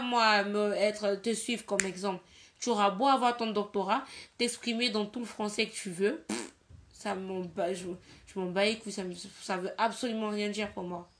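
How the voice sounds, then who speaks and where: A woman's voice: mid-range voice, a bit bright. A young woman from Cameroon talking bluntly and emphatically on a casual live video, often repeating her points. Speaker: livestreamer giving her opinion.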